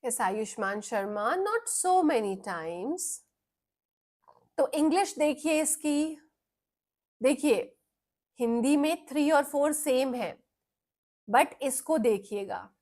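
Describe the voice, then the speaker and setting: A young woman with an Indian accent teaching English vocabulary in a live online class for children, explaining slowly and patiently while she mixes Hindi and English. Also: high-pitched, lively intonation, a little mellow.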